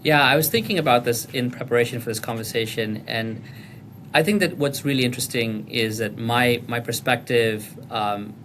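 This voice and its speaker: A man's voice: medium pitch, moderate pace, a bit bright, a little hiss or hum. A middle-aged man from Kenya, a podcast guest answering thoughtfully, with frequent restarts and fillers. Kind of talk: reflective conversational answer.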